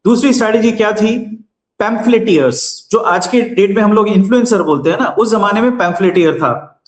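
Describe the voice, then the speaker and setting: Offering explanatory political commentary as a guest, a man with a high voice builds his case in a lecture-like way. His delivery is steady and measured, broken by slight hesitations, and the recording carries a spacious echo.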